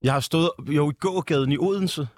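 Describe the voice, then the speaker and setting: A man's voice: on the high side, a little mellow, no echo. A man from West Zealand, a stand-up comedian, telling stories in a casual chat with laughs and fillers. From West Zealand, Denmark. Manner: laid-back storytelling with lots of fillers and laughs.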